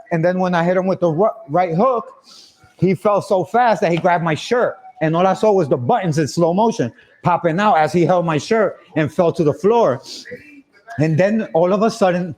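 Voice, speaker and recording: A young man with a high voice spins a casual story for his stream audience. He is animated, laughs often and acts out everyone's lines.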